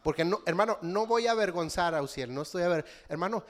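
A middle-aged man with a Mexican accent preaching a sermon, animated and constantly addressing the congregation as brothers. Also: sits high, quick pace. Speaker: pastor.

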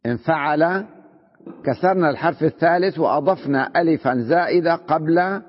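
A man with a somewhat high voice lectures on grammar, patiently repeating each term and asking his students whether they follow. His voice carries a long reverb from a large hall, and the recording sounds muffled. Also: moderate pace. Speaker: sheikh teaching Arabic grammar. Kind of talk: classroom lecture on morphology.

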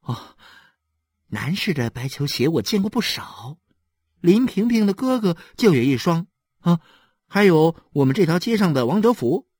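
Man putting on a chatty, high-pitched storybook mother. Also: sing-song, normal speed, a little mellow, slightly rough, no room sound, clean studio sound. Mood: gossiping. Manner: gossipy, then exasperated. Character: chatty 30-year-old mother, scolding.

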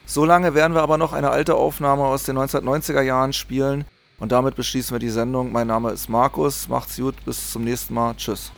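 A man's voice: mid-range voice, flat delivery, a little fast, creaky. A man hosting a community radio show, announcing events and partly reading from notes. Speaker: radio host.

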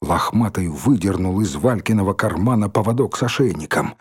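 A man reading a story aloud in an expressive, dramatic narrating style. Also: sits low, fairly quick, husky. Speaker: audiobook reader.

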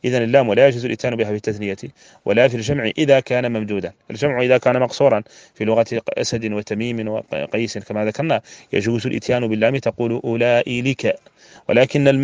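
Fast-talking sheikh teaching grammar. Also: male voice, medium pitch, steady tone, a little mellow, dry recording, lo-fi sound. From Mauritania. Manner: repeats key phrases for emphasis. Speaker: Islamic scholar teaching grammar. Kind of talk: classroom lecture explaining a verse text.

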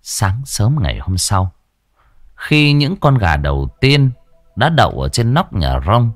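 A man tells a ghost story in a low, husky voice. His delivery is animated, rising and falling with the tale, and the recording is dry and close. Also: a little slow, no echo, soft background music. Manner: lively, colorful storytelling.

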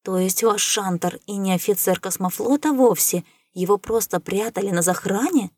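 A woman voicing a gullible, excitable male alien trader who loves gossip, talking eagerly in an audiobook. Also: medium pitch, no room sound, close to an everyday voice. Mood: eager, excited. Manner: eager, gasping, quick to believe. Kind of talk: audiobook character reading.

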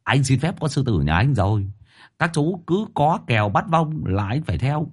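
A man's voice: medium pitch, big pitch swings, moderate pace, pitched above the performer's own voice. A man voicing a cheeky, joking village man who teases in a singsong way in a storybook. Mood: whining.

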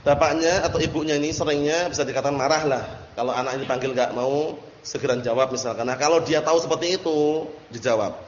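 A male religious teacher explains a text line by line in a slightly high voice and stops often to ask his listeners questions. The audio is dull and lo-fi, with a faint hiss. His voice rings through a large, echoey hall. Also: quick pace. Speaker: Islamic teacher. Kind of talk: religious study lesson.

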